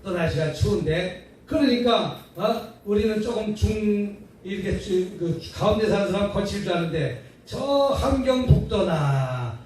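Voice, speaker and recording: A man with a very high voice preaches a revival sermon, folksy and full of rhetorical questions, calling the congregation to answer back. He is caught from well off the mic in a booming, echoey prayer-house hall, with a faint hiss behind. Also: expressive, measured pace, darkish tone, recorded from a distance. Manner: call-and-response, drawing answers from the congregation. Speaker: pastor.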